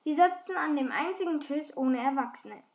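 A woman narrating a first-person story as an audiobook reader, lively and switching into the characters' lines. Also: high-pitched, normal speed, echoey room. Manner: lively, plays the characters' dialogue.

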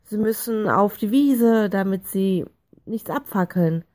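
A woman voicing a worried father who calmly explains things to his family in a storybook reading. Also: medium pitch, takes it slowly, natural voice. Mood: serious.

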